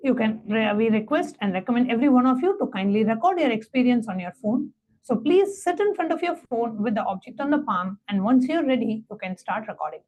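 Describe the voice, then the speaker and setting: In a rough recording, a woman with a slightly high, slightly mellow yet animated voice hosts a devotional satsang. She reads a story aloud before moving into step-by-step guidance, keeping a measured, reverent tone.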